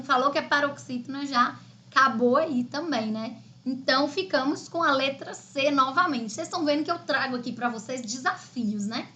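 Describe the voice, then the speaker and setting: In a live online class preparing students for an exam, a Portuguese teacher from Brazil explains each step chattily, peppering her speech with "né?" and "tá?". Her voice is high and bright, with a Brazilian Portuguese accent.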